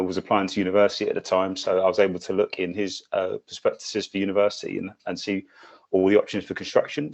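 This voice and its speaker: A young man from England, a construction manager giving a steady online talk over a video call, with a few fillers. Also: deep voice. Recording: dull lo-fi video call audio.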